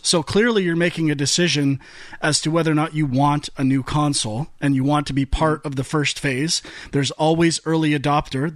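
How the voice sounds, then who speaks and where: A man's voice: fairly high pitch, no room sound. A man co-hosting a gaming podcast, arguing in a fired-up, ranting way with stumbling restarts. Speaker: podcast co-host. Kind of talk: heated casual debate.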